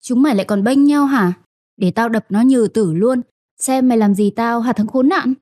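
A young wife full of fury and grief, as a woman narrator voices her. Her voice sits fairly high with a dark, mellow tone, in a dry storybook reading. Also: normal speed, no room sound, lightly acted. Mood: furious.

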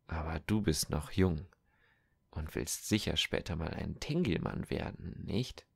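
A man's voice: extremely low pitch, lively intonation, unhurried, creaky, slightly rough, exaggerated voice. A man doing a sneering mounted soldier. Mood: threatening. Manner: sneering and threatening. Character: mocking soldier on horseback, cruel.

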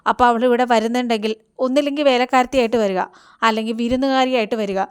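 A woman's voice: on the high side, fairly even intonation, fast talker, clean tone, lightly acted. A woman voicing a proud, status-minded middle-aged mother who scolds her son in a retold serial scene. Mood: scolding.

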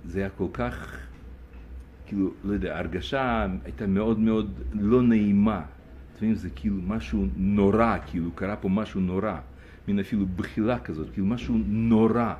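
A man's voice: lowish voice, lo-fi sound, slight background noise. A man, a rabbi, telling a story during a lesson and acting out the dialogue. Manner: animated storyteller, acts out dialogue. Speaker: rabbi, teacher.

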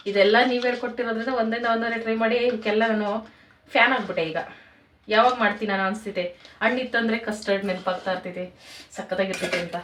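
A woman's voice: fairly high pitch, fairly bright tone, distant mic. A woman with a rural Karnataka Kannada accent, chatting casually to her viewers as friends in a home cooking vlog. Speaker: home vlogger. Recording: roomy home room, off-mic, faint noise.

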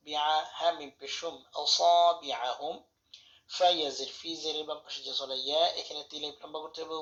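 A man giving a tajweed lesson, spelling out letters and vowel marks step by step, reciting verses slowly and correcting wrong pronunciations. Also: fairly high pitch, bright, forceful tone, reverberant. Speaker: Quran recitation teacher. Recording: dull lo-fi recording.

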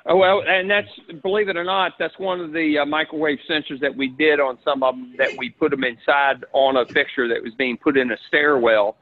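Higher-voiced man on dull webinar audio. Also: steady tone, fairly quick, few pauses. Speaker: webinar presenter. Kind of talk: casual question-and-answer chat.

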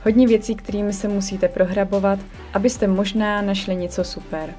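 An upbeat young woman narrates a vlog in a chatty, enthusiastic way. Her voice is warm and mellow, with faint music playing underneath. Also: medium pitch, fairly even intonation. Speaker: vlogger and online secondhand shop owner. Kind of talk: scripted vlog voice-over. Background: faint background music.

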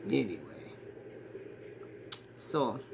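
In full character voice, a woman drawls out her words in an extremely low, creaky tone with lively intonation, portraying a brash, crude man in his 40s who acts the swaggering ladies' man. This comedic monologue is aimed at a phone held at arm's length in a small, cluttered bedroom, with background noise present.

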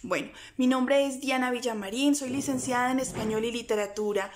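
A woman's voice: fairly high pitch, fairly quick, noisy background. A young woman, a literature teacher, giving earnest reading-aloud tips straight to her viewers. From Colombia. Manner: earnest, encouraging, addresses viewers directly. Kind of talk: direct-to-camera instructional talk.

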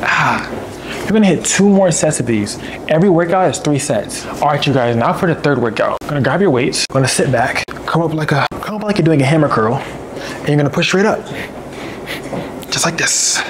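A man's voice: on the high side, lively intonation, moderate pace. A young man hosts a casual workout vlog, hyping viewers up with slang and counting out reps in a gym. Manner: hyped, slangy, coaching with rep counts. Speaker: photography vlogger and host. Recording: noisy gym ambience.

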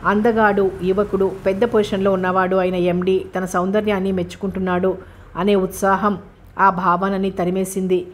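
A woman narrating a novel aloud as an audiobook narrator, in a steady, measured reading. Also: mid-range voice.

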